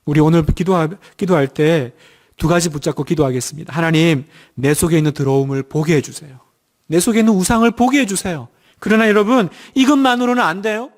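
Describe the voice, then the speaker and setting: A middle-aged man preaching a sermon and leading prayer, emphatic and rhetorical, dropping to a hushed voice at tender moments. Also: fairly high pitch, fairly quick. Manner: emphatic, rhetorical questions to the congregation. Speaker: pastor.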